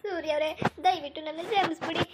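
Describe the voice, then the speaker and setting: A performer doing a very high-pitched young wife in a cartoon, pleading tearfully for forgiveness. She speaks quickly in a flat, unvarying tone, with faint noise in the background. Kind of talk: cartoon voice acting.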